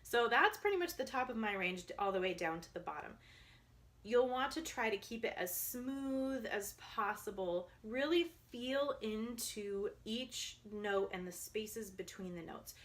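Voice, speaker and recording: A young adult woman voice coach calmly guiding listeners through vocal exercises, sometimes demonstrating. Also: medium pitch, measured pace. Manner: calm, guiding, demonstrates vocal slides and counts. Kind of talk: instructional voice exercise video.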